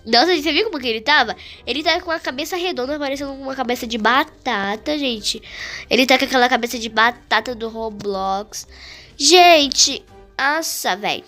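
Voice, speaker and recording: A woman with a Brazilian Portuguese accent giving chatty, excitable gameplay commentary full of slang. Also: high-pitched, moderate pace, faint music behind. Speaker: gaming YouTuber.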